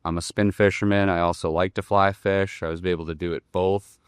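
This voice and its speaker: A man's voice: low-pitched, little pitch movement, brisk, clear, resonant tone, dry recording, clean studio sound. A man guest on a fishing podcast, telling his experiences in an enthusiastic, storytelling way. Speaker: guest angler. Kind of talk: casual storytelling.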